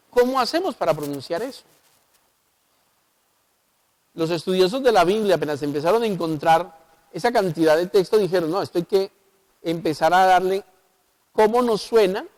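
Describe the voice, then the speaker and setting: A Colombian-accented pastor with a high-sitting, darkish voice explains the Bible in a local TV studio, frequently posing rhetorical questions to his audience.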